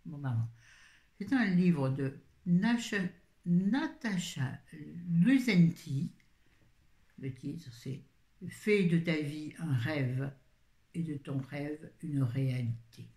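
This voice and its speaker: In a low, mellow voice that's animated yet slow-paced, a woman chats about books with her viewers. The book vlogger rambles and often interrupts herself. The recording has roomy echo.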